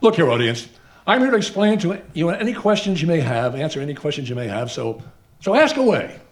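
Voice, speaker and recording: A man playing a flustered, evasive transit official, loudly addressing a crowd at an event in a live comic radio play. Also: a little high, big pitch swings, brisk. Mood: falsely breezy. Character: flustered, evasive male transit official running a public meeting.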